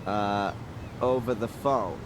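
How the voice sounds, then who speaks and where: A man's voice: on the low side, slow pace, background noise. A man voicing a sullen, sceptical suspect who is a video game's protagonist, dry and sardonic. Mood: hesitant, sceptical. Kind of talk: video game voice acting.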